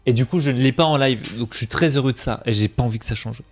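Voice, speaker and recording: There's faint music behind this young man as he talks quickly in a mid-range voice, joking at his own expense with his stream chat. He comes from Franche-Comté and has a slight Franc-Comtois French accent.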